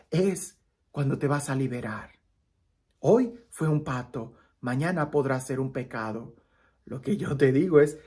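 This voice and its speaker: Woman preacher, lowish voice, gospel reflection video, storytelling manner. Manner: warm storytelling, blessing and prayerful.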